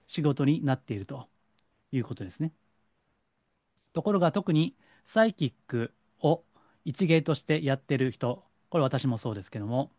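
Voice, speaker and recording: Animated man with a Kansai accent. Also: fairly high pitch, no room sound, studio quality. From Kansai, Japan. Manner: lecturing, animated, slows for stress. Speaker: psychic counselor. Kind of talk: solo monologue to camera.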